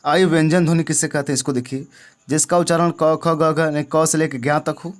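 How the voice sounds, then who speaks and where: A man's voice: a little high, fairly even intonation, brisk. Man teaching grammar with rhetorical questions. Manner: repeats questions to the viewer, checking understanding. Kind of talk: classroom-style lesson.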